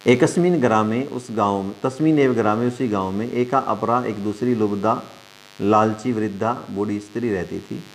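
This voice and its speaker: A man's voice: on the low side, normal speed. Man translating Sanskrit lines for pupils. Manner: reads a line then translates it phrase by phrase; addresses students as dear children. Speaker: Sanskrit teacher. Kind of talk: online class, reading and translating a lesson.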